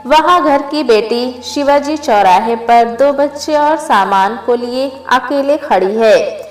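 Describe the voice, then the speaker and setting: A woman's voice: high-pitched, slow pace, roomy sound. A woman voicing an elderly father who scolds his son out of worry for his daughter, in a read-aloud family story. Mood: angry. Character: elderly father, stern and worried.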